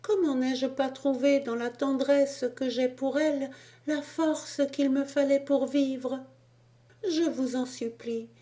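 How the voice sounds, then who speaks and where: A woman's voice: sits high, mellow, pitched above the performer's own voice. A woman voicing a grieving little boy's soul in heaven who begs to go home to his mother, tearful and pleading.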